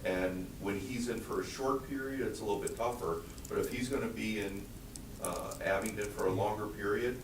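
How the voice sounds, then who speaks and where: Deep voiced guy at a meeting, halting, far from the mic, noisy. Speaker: meeting participant. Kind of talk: informal meeting talk. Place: indoor council meeting room. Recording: distant mic in echoey noisy room.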